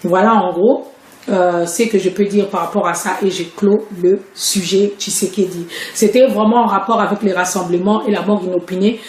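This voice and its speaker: A woman's voice: mid-range voice, steady tone, normal speed, echoey room. A woman, chatting and explaining hesitantly on a live stream from home. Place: at home, indoors.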